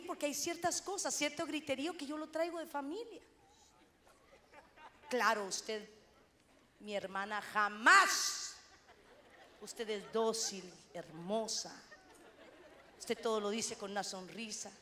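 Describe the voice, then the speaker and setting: A middle-aged woman pastor from Honduras, preaching a sermon in a loud, animated way with self-mocking humor. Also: high-pitched, unhurried, pauses often.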